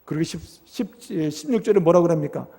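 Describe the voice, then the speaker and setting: A male pastor preaching a sermon in a church, emphatic and animated, often turning to the congregation with quick rhetorical asides. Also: fairly high pitch, vocal fry, in a large hall. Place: church sanctuary.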